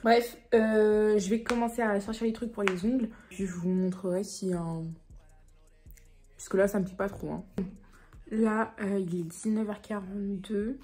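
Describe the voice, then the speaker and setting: A woman, chatting casually to camera in a vlog, talking quickly with many fillers. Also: mid-range voice, steady tone, a little mellow, soft background music. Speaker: vlogger.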